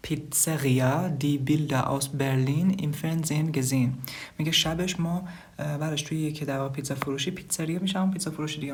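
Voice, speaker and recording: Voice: medium pitch, vocal fry. A language teacher giving a casual online lesson, reading short phrases aloud and then explaining each one at length while talking to the students as "kids". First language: Persian.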